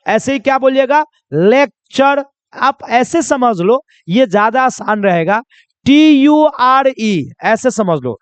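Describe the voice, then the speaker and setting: Heard in a dry recording, a male teacher with a smooth, high voice gives a pronunciation class. He repeats key points, answers questions he poses himself, and spells words out slowly.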